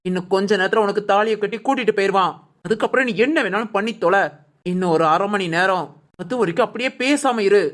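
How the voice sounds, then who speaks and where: A woman's voice: medium pitch, fast, natural voice. A woman playing a cruel, greedy middle-aged stepmother in a village drama, harsh and bossy. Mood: scolding.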